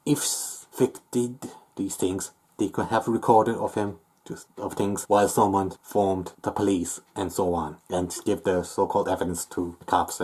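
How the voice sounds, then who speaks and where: A man's voice: lowish voice, darkish tone, husky. A man ranting angrily in an opinion video, swearing often and stumbling over fillers. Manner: angry, profane, halting with many fillers. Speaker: YouTube commentator.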